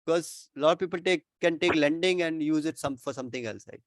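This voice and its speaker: A man with an Indian accent and a voice on the high side speaks fast in a dry recording. As an expert answering questions informally with worked examples, he often repeats himself and checks in with "right?".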